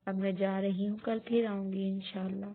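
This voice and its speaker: A woman voicing a loving, devout middle-aged aunt who consoles her niece softly. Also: mid-range voice, flat delivery, natural voice. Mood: consoling. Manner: soft, consoling. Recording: tinny phone-like audio.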